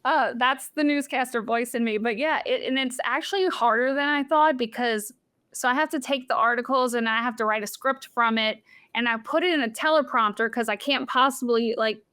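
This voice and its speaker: Woman, casual podcast chat, giggly, fillers, somewhat high pitch. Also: brisk, sharp tone, clear, resonant tone, no room sound. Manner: chatty, giggly, many fillers. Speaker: casino YouTuber and guest.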